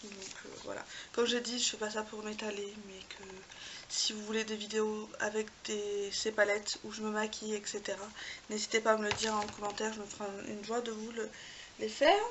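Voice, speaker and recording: A woman's voice: mid-range voice, flat delivery, fairly quick, noisy background. A woman showing her makeup palettes to the camera in a casual video, chatty and full of hesitations. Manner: chatty, many hesitations and fillers. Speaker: beauty vlogger.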